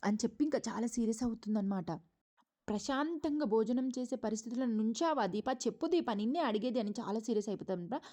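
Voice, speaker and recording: A woman's voice: on the high side, animated, quick pace, mellow. A woman casually retelling a TV serial episode in a chatty way, full of fillers. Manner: chatty, many fillers, acts out quotes. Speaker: TV serial reviewer.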